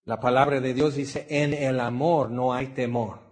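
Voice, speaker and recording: A man with a Mexican accent preaches at a measured pace, his medium-pitched voice holding a steady tone. He leans on emphasis, shifts from loud to hushed delivery, and directs rhetorical questions at those listening.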